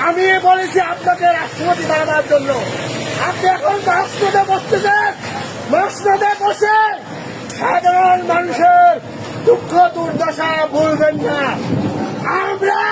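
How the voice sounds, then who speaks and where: An older man with a Bangladeshi accent giving an impassioned political street speech in a loud, booming, declamatory voice. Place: outdoors on a busy city street. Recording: noisy outdoor street, crowd and traffic.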